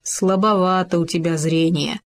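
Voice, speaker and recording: A woman doing a mournful old bear. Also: medium pitch. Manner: slow, sighing.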